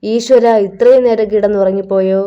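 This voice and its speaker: A woman's voice: medium pitch, steady tone, moderate pace, dark tone, lo-fi sound, natural voice. A woman voicing a frightened, desperate young woman in a storybook crime tale, anxious and pleading.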